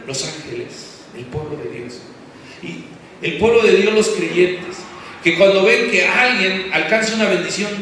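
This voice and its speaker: A man's voice: high-pitched, pushed and bright. A man preaching a sermon, emphatic and asking the congregation questions as he goes. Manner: emphatic, asks the congregation questions, uses football comparisons. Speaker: pastor. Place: church hall. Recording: echoey church hall from far off, faint background noise.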